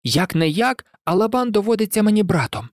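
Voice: mid-range voice, sing-song, fairly quick, no room sound, studio quality, pitched above the performer's own voice, natural voice. A reader voicing a sly young fox in a storybook, muttering and plotting to himself. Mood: scheming.

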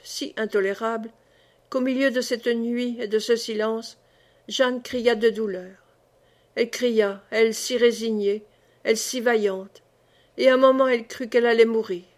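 Woman reading an old novel aloud, slow and dramatic, kinda high voice. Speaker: audiobook reader. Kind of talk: scripted narration of a historical novel.

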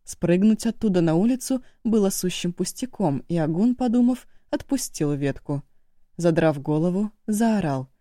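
A woman reading an audiobook as narrator, in steady scripted narration. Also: fairly low pitch, moderate pace, dry recording, clean studio sound.

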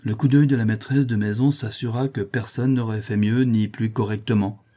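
A man reading a novel aloud as audiobook narrator, measured and expressive. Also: fairly low pitch.

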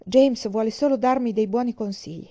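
A woman's voice: on the high side, moderate pace, dark tone, natural voice. A woman reading an audiobook voices a distressed, earnest young woman who speaks in a pleading, agitated way.

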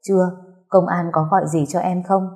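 Brief: woman reading a steady father, calm and reassuring, mellow. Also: on the low side, normal speed, natural voice.

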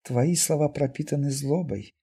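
A man voicing a calm, earnest young mutant woman in an audiobook, speaking softly and evenly. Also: medium pitch, normal speed, husky, pitched above the performer's own voice. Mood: hurt, steady.

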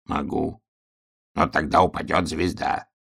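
Man doing a hoarse dying old raven. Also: very deep voice, flat delivery, measured pace, a bit bright, voice pushed down, full character voice. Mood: calm. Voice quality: hoarse, wheezing. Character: dying old male raven, gentle and wise.

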